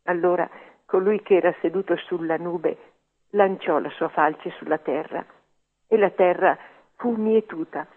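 A man reading a scripture passage aloud in a solemn, measured way. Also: high voice. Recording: tinny radio line.

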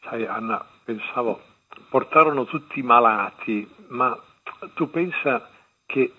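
A man's voice: medium pitch, measured pace, husky. A man speaking as a radio host, giving hesitant, rambling spiritual commentary full of fillers. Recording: tinny phone-line sound.

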